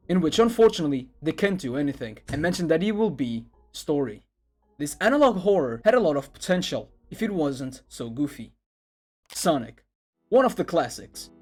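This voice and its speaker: With music playing underneath, a man whose voice is fairly high and darkish in tone reads scripted narration. It is done in the manner of an internet video essay.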